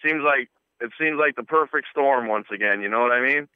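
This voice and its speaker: A man's voice: medium pitch, brisk, clear, resonant tone, no room sound. A man calling in to a radio talk show from his phone while driving, his voice coming through a choppy, breaking-up connection. He speaks plainly and sounds uneasy. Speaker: radio call-in caller. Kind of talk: casual call-in chat. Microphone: cell phone in a moving car. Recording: tinny phone line.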